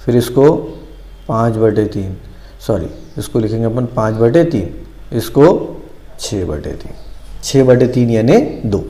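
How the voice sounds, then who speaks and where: A man's voice: medium pitch, unhurried, warm tone. A man teaching a math lesson, patiently repeating each step and answering his own questions.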